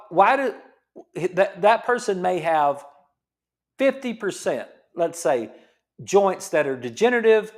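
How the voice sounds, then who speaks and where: Man, fifties, high pitch, casual health talk, repeats himself, rhetorical questions. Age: 50s. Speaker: chiropractor host.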